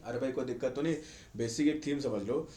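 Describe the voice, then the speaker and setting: A man's voice: mid-range voice, brisk, dark tone. A male chemistry teacher giving a conversational exam-prep lecture, often asking students rhetorical questions. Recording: echoey room.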